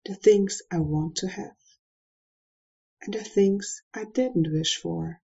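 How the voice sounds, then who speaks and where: A woman leading a guided meditation, giving soft, calm instructions with long pauses. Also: mid-range voice, creaky, slightly rough, lo-fi sound.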